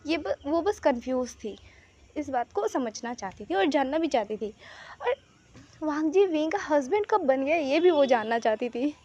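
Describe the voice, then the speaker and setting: A woman tells a fan story in a chatty, casual manner, pausing to comment on the characters. Her voice sits high. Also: expressive, darkish tone. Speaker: story narrator.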